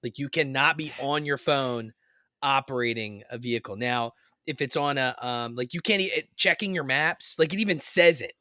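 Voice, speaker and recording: A man's voice: medium pitch, moderate pace, dry recording, studio quality. A man co-hosting a podcast in casual chat, talking loosely with lots of "like" and "dude". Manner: excited, laid-back, lots of "like" and "dude". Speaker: podcast co-host.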